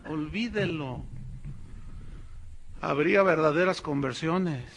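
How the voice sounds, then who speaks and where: Give me a man preaching in church, bright and forceful, over faint background noise. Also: on the high side, slow, creaky. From Mexico. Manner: animated, mocking, addresses congregation directly. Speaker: pastor. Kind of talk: sermon.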